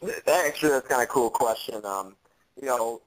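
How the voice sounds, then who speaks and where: A man's voice: mid-range voice, brisk, dry recording, poor audio. A man speaking as a band member guest in a casual radio interview, laid-back and full of fillers.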